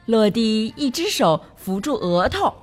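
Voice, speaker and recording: Expressive woman reading a children's story. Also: fairly high pitch, unhurried.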